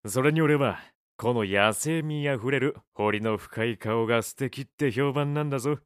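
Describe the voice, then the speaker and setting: In a Japanese audio drama, a male actor voices a gruff, annoyed café owner, with a natural medium-pitched voice that's casual and rough-edged. The character grumbles bluntly and shows a vain streak, delivered at a moderate pace in a very dry recording.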